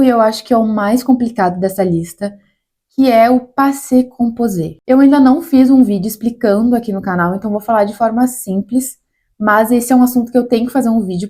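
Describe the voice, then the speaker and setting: A woman's voice: on the high side, a little mellow. A Brazilian woman with a Brazilian Portuguese accent, hosting a casual video lesson and explaining French sounds in a chatty way. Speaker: French teacher, channel host.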